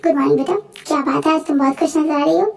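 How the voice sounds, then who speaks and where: A woman's voice: high-pitched, steady tone, very fast, gravelly, darkish tone, recorded from a distance. A woman voicing a protective, hot-tempered middle-aged father in a fan voice-over drama. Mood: calm. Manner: stern, protective.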